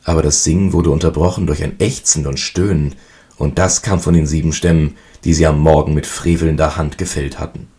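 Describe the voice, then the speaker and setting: A man reading a fairy tale aloud in a calm, even storytelling manner. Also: extremely low pitch, fairly quick.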